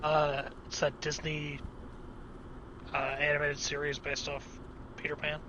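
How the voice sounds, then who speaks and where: A man's voice: fairly high pitch, completely flat delivery, unhurried, sharp tone, lo-fi sound, slight background noise. A young man co-streaming a game, making dry sarcastic remarks in casual chat.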